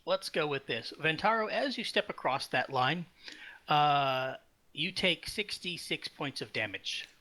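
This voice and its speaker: A man narrating a tabletop game as its game master. His voice sits a little high and rings bright and forward. He talks in loose, halting bursts, restarting sentences and leaning on fillers. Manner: relaxed, hesitant with many fillers and restarts. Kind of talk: running a tabletop game online.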